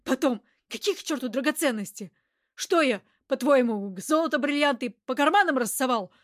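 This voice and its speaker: Woman reader doing a coarse, yelling man in hiding, defensive and hot-headed, pitched fairly high for a man, for an audiobook. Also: expressive, moderate pace, no echo, studio quality. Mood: gruff. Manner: shouting, coarse street talk. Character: rough, hot-tempered hunted man, loud and defensive.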